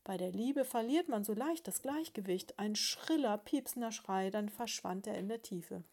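A woman reading a storybook aloud in a calm, even narration. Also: mid-range voice, normal speed.

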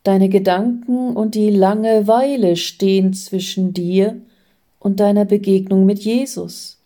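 A calm, patient female spiritual guide in a children's faith story, speaking slowly and gently, voiced by the woman telling it. Her tone is soft and mellow, never hurried. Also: mid-range voice, lightly acted. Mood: gentle.

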